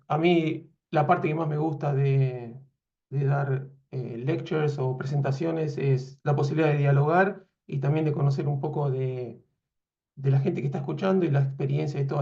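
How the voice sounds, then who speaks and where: Lecturing on veterinary imaging via video call in a webinar, this Argentine man in his forties speaks with an Argentine Spanish accent. His slightly high voice has a warm tone, the highs are cut off, and his delivery is hesitant, full of fillers and restarts.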